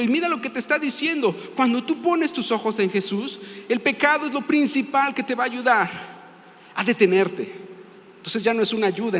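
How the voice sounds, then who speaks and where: A man with a Mexican accent preaching a sermon in a church, with a very high voice. He stresses each point and keeps putting questions to the congregation. A long reverb from the large hall trails after his words. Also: fairly bright tone. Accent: Mexican Spanish. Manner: emphatic, asks the congregation questions. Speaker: pastor. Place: church sanctuary.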